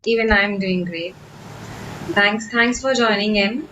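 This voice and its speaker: A woman's voice: mid-range voice, measured pace, sharp tone, muffled recording, slight background noise. A young woman from Kolkata with an Indian English accent, hosting a spoken English workshop over a video call in a chatty, encouraging way. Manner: encouraging, chatty, with fillers and restarts. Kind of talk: online class, casual teaching talk.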